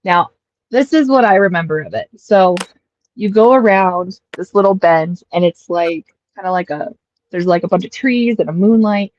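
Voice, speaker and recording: An American woman in her thirties, chatting casually on a stream and telling childhood stories with animated, acted-out quotes. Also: fairly low pitch, normal speed. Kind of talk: casual storytelling chat. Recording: dull lo-fi dry mic.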